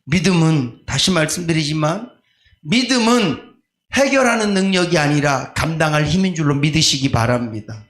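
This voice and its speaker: Middle-aged male preacher, animated and high-pitched, shouts his points in a roomy hall. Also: moderate pace. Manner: swings from quiet storytelling to shouted exhortation. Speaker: pastor. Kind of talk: sermon. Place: church sanctuary.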